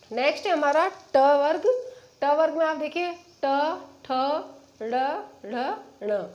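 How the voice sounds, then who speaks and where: A woman teaching a lesson from a chart. She says the letters slowly one by one and asks her students questions, then answers them herself. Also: sits high, a little mellow.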